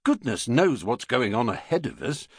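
A man voicing a brisk, harried middle-aged husband in an audiobook. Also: mid-range voice, big pitch swings, slightly rough, no echo, studio quality, pitched above the performer's own voice. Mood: exasperated. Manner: brisk, exasperated.

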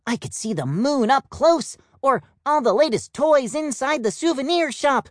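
Man playing a cheerful purple peacock, storybook, high lifted voice, dry close sound. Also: expressive, normal speed, no room sound. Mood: chipper. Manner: chirpy British-style slang, bouncy. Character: peppy purple peacock, cheerful, playful and boastful.

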